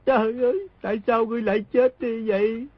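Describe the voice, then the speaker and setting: A crafty young boy, voiced by a woman reading the story, wails and sobs theatrically in fake grief. The voice is husky. The sound is dry and muffled, with a lo-fi edge. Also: on the high side, fairly even intonation, fairly quick, no room sound. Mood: wailing. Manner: wailing, sobbing loudly. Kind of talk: audiobook character reading. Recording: dry, dull lo-fi audio.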